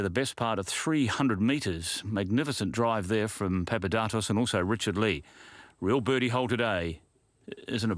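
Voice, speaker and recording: A man's voice: lowish voice, dry recording. A man anchoring golf tournament commentary, describing play in a presenterly, conversational way.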